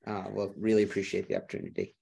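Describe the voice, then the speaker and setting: A man's voice: low voice, very animated, very fast, gravelly, warm tone, husky. A man with a Minnesota accent, a podcast guest in casual chat, friendly and joking as he laughs along.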